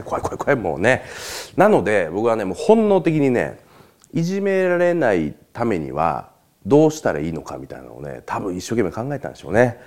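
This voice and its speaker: Man, low voice, very animated pitch, chatty solo host, laughs between points. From Japan. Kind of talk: casual solo talk monologue.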